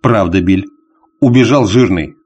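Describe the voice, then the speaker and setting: A man voicing a gruff, weary male traveler on a dog sled in an audiobook, grumbling and blunt. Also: lowish voice, unhurried, darkish tone. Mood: grim.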